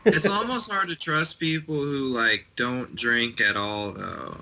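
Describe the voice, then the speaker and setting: A man's voice: medium pitch, measured pace, creaky, sharp tone, slight background noise, poor audio. A man co-hosting a podcast in casual, conversational talk. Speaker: podcast co-host. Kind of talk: casual chat.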